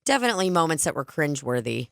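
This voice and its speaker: A podcast co-host with a rough, strained, lowish voice, joking crudely and saying "like" all the time. The close mic gives a dry sound with no room. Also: female voice, sing-song, racing, fairly bright tone, dry recording. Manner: crude jokey banter, frequent laughs and fillers like "like". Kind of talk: casual comedic chat.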